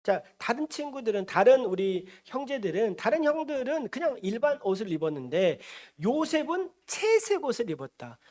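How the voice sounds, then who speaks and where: A male pastor preaching in a church, his pitch swinging widely from phrase to phrase. He tells the story with lots of animation, jumping into the characters' voices as he goes. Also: normal speed, hardly any pauses. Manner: animated, acts out the characters he describes. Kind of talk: storytelling sermon.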